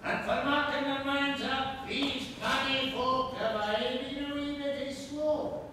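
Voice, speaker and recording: A Scottish man sings a slow story ballad in a high, bright voice. He is heard from far away in a reverberant church hall with faint noise behind. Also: level tone. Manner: sung storytelling. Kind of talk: singing a folk ballad on stage. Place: large church hall, live stage show.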